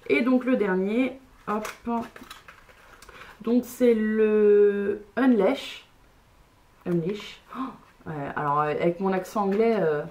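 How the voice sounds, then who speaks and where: A woman's voice: medium pitch, darkish tone, a little hiss or hum. A woman beauty vlogger chatting casually through a makeup haul, hesitant and full of fillers.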